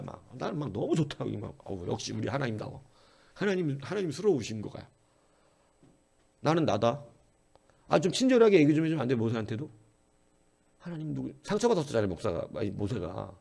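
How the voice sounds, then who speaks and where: A man preaching a sermon as pastor, animated, with many rhetorical questions and swings between loud exclaiming and quiet murmuring. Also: on the high side, creaky. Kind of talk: early-morning sermon.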